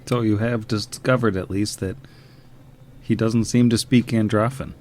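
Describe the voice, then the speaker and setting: A man narrating as game master, unhurried, with frequent ums and laughs. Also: fairly low pitch, steady tone, a little mellow, slight background noise.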